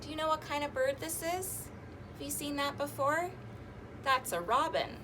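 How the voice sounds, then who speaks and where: A high-voiced woman hosts an interactive storytime, reading aloud to young children at a normal pace with singsong emphasis. She asks her listeners questions and invites them to join in, with background noise audible.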